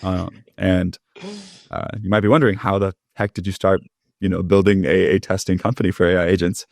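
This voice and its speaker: A young man from California, a startup founder guest in a casual interview, talking in a relaxed, rambling way with many fillers, calling in from home. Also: low voice, brisk, creaky, no room sound, clean studio sound. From California, Bay Area. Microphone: remote call.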